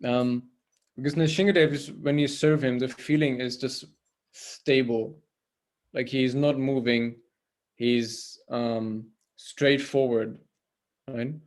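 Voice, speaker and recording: A man talks over a video call in an unhurried, informal way. He stumbles and repeats words as he gathers his thoughts. He keeps turning to his listeners with a questioning "right?". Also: medium pitch, steady tone. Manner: hesitant, repeats words, often asks "right?". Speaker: temple priest and guest speaker.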